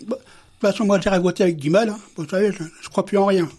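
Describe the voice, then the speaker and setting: A man's voice: high-pitched, steady tone, fast, a little mellow, slightly rough. A man guest on a radio interview, giving short plain answers in a disillusioned way. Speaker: guest, fellowship member.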